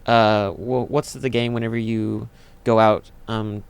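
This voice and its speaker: A man's voice: on the low side, level tone, measured pace, creaky, smooth. A young man co-hosting a casual podcast chat, talking hesitantly and searching for his words. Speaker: podcast co-host.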